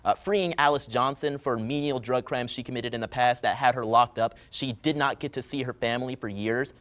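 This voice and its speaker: A man's voice: mid-range voice, a little fast, a bit bright. A man in a panel debate, making his argument point by point. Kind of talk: debate discussion.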